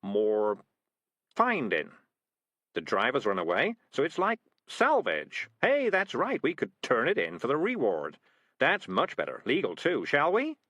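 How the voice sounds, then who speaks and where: A man reading an audiobook puts on the voice of a scheming street tomcat, wheedling, smooth-talking and slick with every excuse. The exaggerated voice sits a touch higher than his narration, swings lively up and down, and moves at a measured pace. The sound is close and dry, with no echo or room around it.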